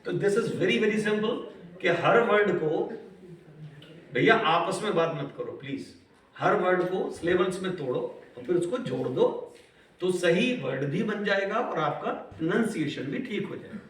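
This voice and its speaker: A man teaching a class, switching between Hindi and English, quizzing his students and stretching words out slowly. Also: sits high, expressive. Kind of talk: classroom lecture. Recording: echoey classroom, far from the mic.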